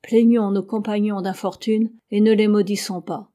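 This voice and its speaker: A woman voicing a gentle, kindly old male ship's doctor in an audiobook, reading softly and sorrowfully. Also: medium pitch, flat delivery, normal speed, natural voice.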